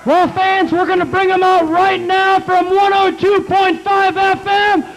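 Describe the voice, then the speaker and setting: High-pitched man making grand entrance announcements. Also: little pitch movement, vocal fry, low-quality recording. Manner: booming, drawn-out calls to the crowd. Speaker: ring announcer. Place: wrestling event in a recreation center, over the PA.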